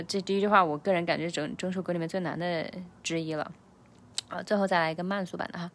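A woman coaches English pronunciation in a relaxed, chatty way. Her voice sits a little low, and she takes her time, explaining each sound patiently. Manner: explains sounds slowly, repeats lines at slow speed. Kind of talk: casual pronunciation lesson.

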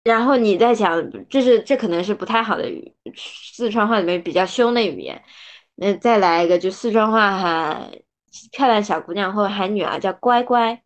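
A woman chatting casually on a book podcast, lively and quick to laugh while giving examples. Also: mid-range voice. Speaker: podcast co-host; former translation student. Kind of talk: casual book-club chat.

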